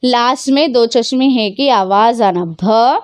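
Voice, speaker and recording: Woman teacher, slightly high voice, patient question-and-answer grammar lesson, dry close sound. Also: slow, darkish tone, smooth, dry recording. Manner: patient, asks questions and answers them herself; mixes English words into explanations. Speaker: Urdu teacher.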